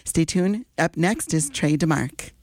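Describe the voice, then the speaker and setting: A pre-recorded station announcer with a smooth, polished radio voice, reading a station ID. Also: mid-range voice, measured pace, no echo.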